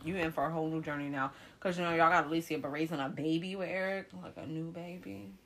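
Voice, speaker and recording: A woman's voice: sits low, steady tone, fast, a bit bright, slight background noise. A woman in casual chat, joking, swearing freely and laughing as she tells stories. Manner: jokey, emphatic, drops "period" for emphasis.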